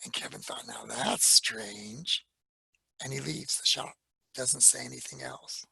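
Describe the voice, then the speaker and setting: A man giving a storytelling talk at a library, retelling events in an animated way and slipping into the voices of the people in his story. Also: medium pitch, normal speed, creaky, breathy edge, dry recording.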